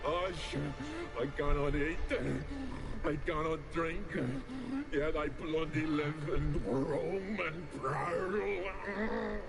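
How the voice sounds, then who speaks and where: A cursed, ravenous werewolf from a fantasy video game. The voice is a gravelly growl, dragging out broken phrases very slowly in bitter anguish. Loud music plays behind it. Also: male voice, a little high. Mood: tormented, hungry. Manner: halting, broken werewolf speech, muttering in fragments. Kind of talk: dramatic video game acting.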